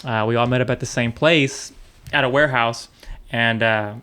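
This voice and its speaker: A man's voice: medium pitch, steady tone, moderate pace, bright, forceful tone, clean tone. A man in his twenties, a podcast guest, telling stories in an easygoing way, full of "like" and "uh". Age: 20s. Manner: laid-back storytelling, full of "like" and "uh". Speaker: guest, vintage store owner. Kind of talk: casual podcast chat.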